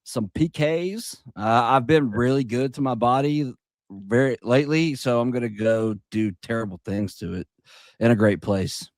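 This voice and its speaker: A man's voice: medium pitch, moderate pace, dry recording. Male podcast co-host, laid-back slangy chat, medium voice, dry recording. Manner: laid-back, slangy, calls people "dog". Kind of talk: casual chat.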